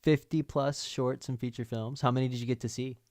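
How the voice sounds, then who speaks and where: A man hosting a casual video call, introducing speakers and giving short, soft-spoken reactions. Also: medium pitch, fairly even intonation, brisk, dry recording, clean studio sound. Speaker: host.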